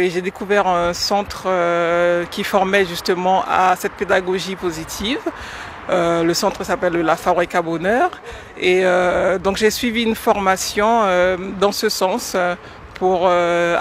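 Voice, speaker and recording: A woman from French Guiana in her forties, answering radio interview questions about teaching with hesitant pauses and many fillers. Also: lowish voice, slight background noise. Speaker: guest, educator.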